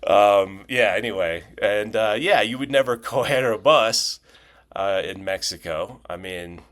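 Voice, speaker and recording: A man with a fairly low voice talks through a relaxed vlog-style lesson. He rambles, restarts his sentences and drops joking asides as he goes. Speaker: language video host.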